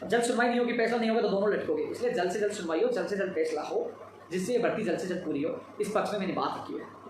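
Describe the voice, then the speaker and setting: Emphatic man, fast and echoey. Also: high voice, far from the mic, background noise. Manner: emphatic, repetitive, campaigning. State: tired after a long day. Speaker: job-seeker advocate giving updates. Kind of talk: live-stream update to followers.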